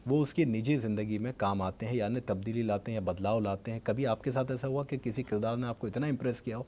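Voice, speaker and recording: A man's voice: medium pitch, fast talker, dark tone, a little hiss or hum. A man hosting a podcast, asking formal interview questions in polished wording. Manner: formal questions in polished Hindi-Urdu, brief listening hums. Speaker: podcast host.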